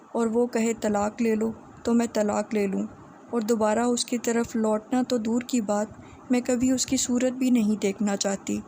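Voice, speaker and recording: Brief: woman voicing a firm young heroine, level and even delivery. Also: on the high side, a little hiss or hum, lightly acted. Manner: firm, hesitant pauses. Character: young woman, determined and proud.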